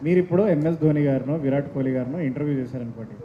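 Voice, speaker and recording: A man's voice: medium pitch, very fast, reverberant, muffled recording, a little hiss or hum. A man, an actor, answering reporters at a press meet with teasing, sarcastic replies. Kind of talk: bantering press Q&A. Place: press event hall.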